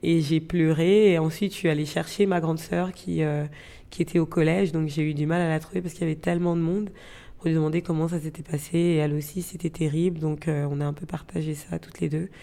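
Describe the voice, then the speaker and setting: A woman's voice: sits low, little pitch movement, fast, creaky, mellow. Hesitant young woman from Gabon. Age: 20s. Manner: hesitant, frequent fillers and restarts. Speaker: interviewee. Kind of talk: reflective personal storytelling.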